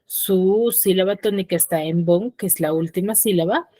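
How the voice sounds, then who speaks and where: A woman's voice: fairly low pitch, normal speed, mellow, no room sound. A woman teaching a secondary school class over a video call, quizzing her students and checking often that they follow. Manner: quizzes the students, often checks understanding with short tag questions.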